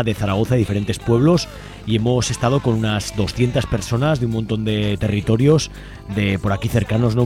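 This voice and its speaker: Low and darkish in tone, a man from Spain gives an informal radio report as host, speaking with a Spanish accent. He habitually tags the ends of his phrases with a little question.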